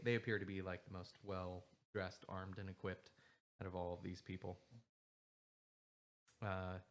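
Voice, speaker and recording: A man narrating a tabletop game as dungeon master in a loose style with many fillers. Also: sits low.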